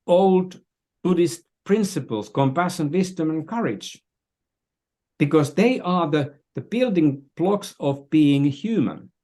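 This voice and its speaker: An older Finnish man, a business strategist, talks as an interview guest in a slow, animated, mellow voice pitched on the high side. His Finnish accent comes through as he explains things conversationally, often searching for words and repeating phrases.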